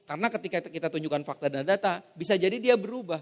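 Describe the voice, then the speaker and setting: High-voiced animated male seminar trainer. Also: fast talker. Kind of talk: lively motivational seminar talk. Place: seminar hall. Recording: echoey hall reverb.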